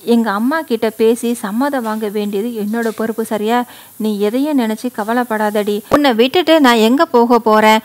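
A woman's voice: on the high side, normal speed, lightly acted. A woman voicing a young husband who scolds and reassures his wife with coaxing endearments, as in a read-aloud story. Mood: reassuring.

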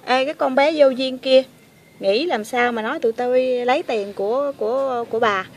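A woman's voice: high-pitched, normal speed. A woman voicing a grumpy, bossy male toy dinosaur that grumbles and teases. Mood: indignant. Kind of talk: toy play voice acting.

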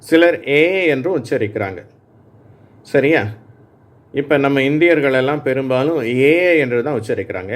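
A man teaching English phonics to adult learners, reading words slowly and patiently and pausing so listeners can repeat them. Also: mid-range voice. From Tamil Nadu, India. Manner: slow, patient, reads words aloud for repeating. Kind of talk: spoken lesson for adult learners.

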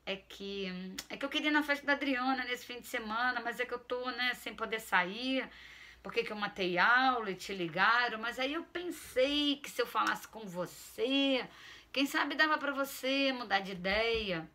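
A woman's voice: a little high, normal speed, pushed and bright, a little hiss or hum. A woman voicing a pushy, sulky teenage boy who pleads insistently with his mother in a read-aloud story. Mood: pleading. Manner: insistent, exasperated, wheedling. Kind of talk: storytelling reading.

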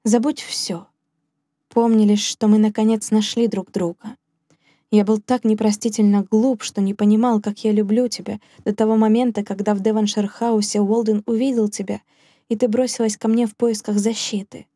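A woman's voice: mid-range voice, little pitch movement, normal speed, warm tone, dry recording, studio quality, natural voice. A woman reading a tender young nobleman. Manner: tender, pleading. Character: passionate young male nobleman, tender lover.

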